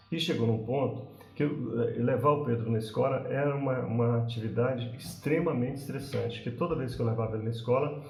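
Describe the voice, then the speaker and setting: A Brazilian Portuguese-accented man in his forties, hosting a parenting channel, tells a personal story straight to the viewer. His speech is conversational and loose, full of little tag questions and restarts, and his pitch sits at a middle level for a man. The recording is roomy, with the voice echoing off the walls. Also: vocal fry, a little mellow. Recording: roomy echo.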